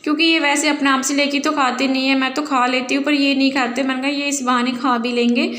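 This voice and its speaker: A woman's voice: high voice, a bit bright, roomy sound. A woman chatting casually through a home vlog while making tea and cooking, rambling as she goes. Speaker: vlogger. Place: home kitchen.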